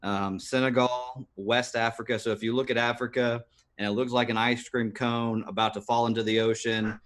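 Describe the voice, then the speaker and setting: A man's voice: mid-range voice, little pitch movement, moderate pace, fairly bright tone. A man in his thirties, a podcast guest, telling his life story earnestly, with many fillers and restarts. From United States. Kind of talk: personal storytelling interview.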